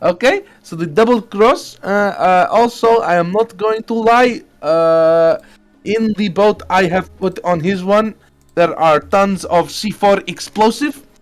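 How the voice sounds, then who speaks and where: Sly captain with a hammy Russian accent, improvised by a man, high-voiced and boastful. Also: unhurried, faint music behind. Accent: put-on Russian. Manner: broken grammar, sly boasting. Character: scheming male boat captain with fake Russian accent. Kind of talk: improvised role-play on a game stream.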